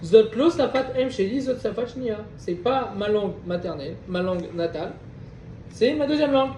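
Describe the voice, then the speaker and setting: Animated and a little mellow, a Torah class teacher with a high voice reads a Hebrew passage at a moderate pace, then explains it in French, posing questions to the group. He's recorded on a distant mic in an echoey room with faint background noise.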